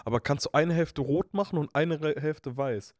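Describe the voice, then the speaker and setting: A man's voice: on the high side, normal speed, a little mellow, no echo, clean studio sound. A man co-hosting a podcast in casual chat, telling stories in slangy talk and acting out the people he quotes. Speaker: podcast co-host. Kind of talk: casual chat, animated storytelling.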